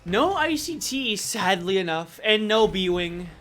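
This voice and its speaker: An American esports caster commentating a match, playful and quick to laugh. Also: medium pitch, lively intonation, fairly bright tone. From USA. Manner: joking, easily laughing, playful.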